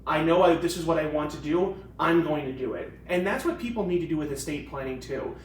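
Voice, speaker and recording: Slightly high-voiced man in an echoey room. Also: a little fast. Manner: joking, conversational. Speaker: estate planning attorney, co-host. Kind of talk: casual professional discussion. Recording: echoey room, mic at a distance, faint background noise.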